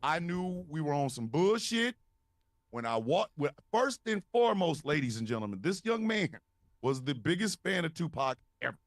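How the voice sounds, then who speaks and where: There's a lot of profanity and laughter as this podcast co-host relates an outrageous story in a lively, casual way. He talks at a moderate pace in a voice that's a little high, and the audio is dry.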